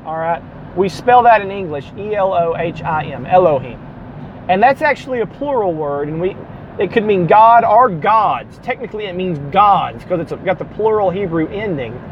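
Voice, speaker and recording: A man's voice: sits high, animated, moderate pace, dull audio, a little hiss or hum. A man with a Southern US accent giving a classroom lecture on the Bible, explaining step by step, spelling out letters and correcting himself as he goes. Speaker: Bible teacher.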